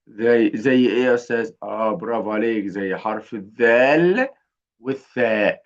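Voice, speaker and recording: A man with an Egyptian Arabic accent teaching the alphabet to beginners, patient and encouraging, repeating each sound slowly. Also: fairly low pitch, dull audio.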